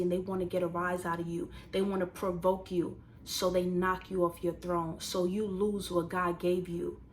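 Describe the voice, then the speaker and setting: A woman in her twenties, casually telling a personal story to viewers and turning it into motivational advice, animated and talking straight to the audience. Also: on the low side, a little hiss or hum. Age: 20s. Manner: animated, conversational, addresses viewers directly. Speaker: vlogger.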